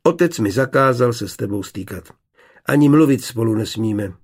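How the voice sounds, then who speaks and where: A man voicing a proud young village woman, quiet and reproachful, in a storybook reading. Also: mid-range voice, animated, husky.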